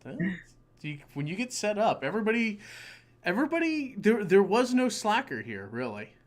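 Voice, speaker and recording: A male game master with a voice pitched a little high for a man. He talks excitably, swears freely and trips over his own words as he narrates a tabletop session. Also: normal speed.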